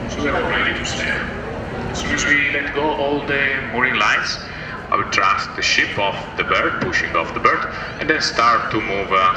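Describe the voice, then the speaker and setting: A man speaking as a ship's captain, explaining procedure in a halting, technical way. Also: lowish voice. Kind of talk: explaining a departure manoeuvre. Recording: echoey, distant, noisy room.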